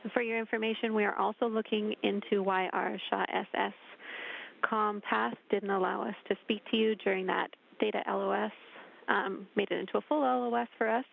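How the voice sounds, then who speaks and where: Gravelly man over thin space radio. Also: high-pitched, brisk. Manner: steady, clipped technical briefing. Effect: thin space-to-ground radio link. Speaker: mission control communicator. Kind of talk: procedural radio calls to a crew. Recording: tinny narrowband radio loop.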